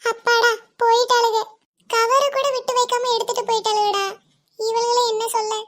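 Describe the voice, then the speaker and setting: A woman's voice: very high voice, little pitch movement, moderate pace, fairly bright tone. A woman voicing a grumbling teenage girl in a cartoon, scolding and complaining in a Tirunelveli Tamil accent. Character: grumbling teenage girl, sharp-tongued and fed up. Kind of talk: cartoon voice acting.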